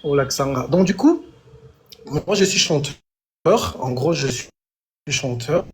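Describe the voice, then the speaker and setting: A man who is a singer, talking on a live stream call in a hesitant way with frequent pauses. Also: fairly high pitch, breathy edge. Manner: hesitant, many pauses and fillers. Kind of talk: casual conversation.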